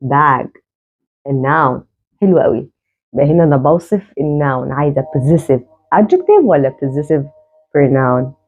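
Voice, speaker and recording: A woman with an Egyptian Arabic accent teaching an English grammar lesson, repeating words slowly so learners can follow. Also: low-pitched, lively intonation, soft background music. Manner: slow, repeats words to drill them. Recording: tinny phone-like sound.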